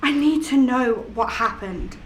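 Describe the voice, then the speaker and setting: A woman's voice: sits high, expressive, a little slow. An actress playing a young woman's ghost, upset and frustrated at being murdered, in a film. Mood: angry. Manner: upset, shouting then apologetic. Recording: echoey room with faint noise.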